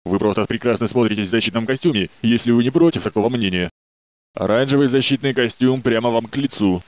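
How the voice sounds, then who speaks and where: In a dry, dull studio dub with no room sound, a man voices Russian game lines as a security guard at a research facility. His mid-range voice is fast and close to an everyday voice. The guard is polite, dutiful, and friendly, courteous with a little flirtation.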